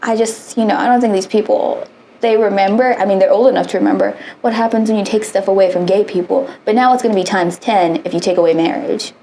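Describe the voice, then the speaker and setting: A woman in her late twenties from the United States co-hosts a podcast, chatting casually with a medium-pitched, mellow voice that is fast and fairly even in intonation. She rambles, swears freely, and trails off mid-sentence. A little hiss or hum is audible.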